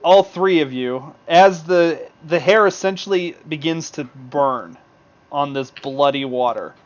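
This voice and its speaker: A man's voice: on the high side, a little slow. Man running a tabletop game, lo-fi sound. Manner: loose, improvised narration with many fillers. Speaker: game master. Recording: dull lo-fi mic.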